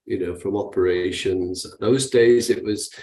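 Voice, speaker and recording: A man in his sixties with a Manchester English accent talks through his past in a conversational interview. His voice sits low, and he hesitates, with frequent ums and repeated words. The recording has a noticeably roomy echo. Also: fairly even intonation, measured pace, mellow. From England. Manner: hesitant, many fillers and restarts. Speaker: guest investor.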